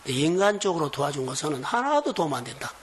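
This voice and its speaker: A man preaching a sermon as pastor of a church, in earnest, slow, emphatic phrases. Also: a little high, big pitch swings, slight background noise. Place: church sanctuary.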